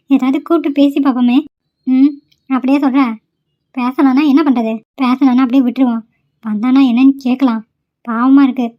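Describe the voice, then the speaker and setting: A woman's voice: high voice, dull audio, natural voice. A woman voicing caring young female college students in a homemade cartoon, coaxing and pleading with a friend. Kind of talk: amateur cartoon voice acting.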